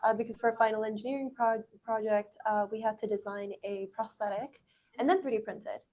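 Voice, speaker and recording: A woman chatting casually as a prop maker on a panel, halting and given to giggles, recorded in a noisy room. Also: on the high side, steady tone, darkish tone. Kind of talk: casual chat.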